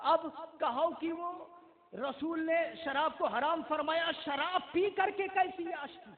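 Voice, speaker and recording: A man delivers a fiery sermon in a mosque, speaking with a tinge. His voice sits very high and climbs into shouts as he recites Arabic quotations. The recording is thin and phone-like. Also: takes it slowly. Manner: impassioned, rising to shouts, quotes Arabic. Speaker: Islamic preacher. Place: mosque gathering.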